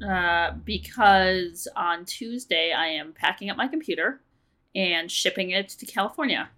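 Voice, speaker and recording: A woman's voice: fairly low pitch, measured pace, sharp tone. A young woman co-hosting a casual podcast chat, chatty and loose with light swearing. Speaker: podcast co-host.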